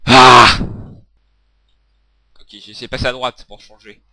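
A young man commentating his own gameplay, swearing, shouting at the game, laughing and half-singing to himself. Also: medium pitch, completely flat delivery, a little slow, no echo. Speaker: gaming video creator.

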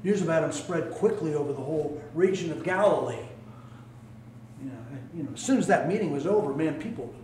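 A male pastor preaching a sermon, animated and swinging between loud calls and hushed asides, recorded in a church sanctuary. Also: on the high side, a little fast, slight background noise. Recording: echoey room, mic at a distance.

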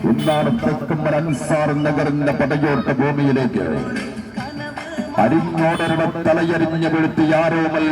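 A man announcing a football match through a loudspeaker on a vehicle, in a grand, dramatic, poetic hype style. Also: on the high side, level tone, unhurried. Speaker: tournament announcer. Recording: distant, loud music behind. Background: loud music.

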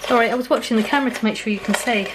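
A woman narrates a home cooking vlog as voice-over on kitchen footage, chatty and rambling with fillers while poking fun at herself. Her voice is a little high, expressive and fast, and the background is noisy.

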